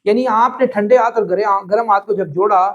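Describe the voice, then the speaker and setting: A man's voice: sits high, normal speed, dull audio. A man with a Pakistani Urdu accent teaching a physics class, explaining step by step and speaking straight to his students, slipping into English phrases. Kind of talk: classroom lecture.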